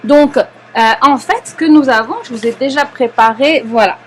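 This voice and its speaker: A young adult woman with a French accent, patiently explaining a knitting lesson step by step, often pausing and checking in with her students. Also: high voice, a little hiss or hum. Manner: patient, explanatory, frequent hesitations and checks "d'accord?". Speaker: knitting teacher. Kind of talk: live online knitting lesson.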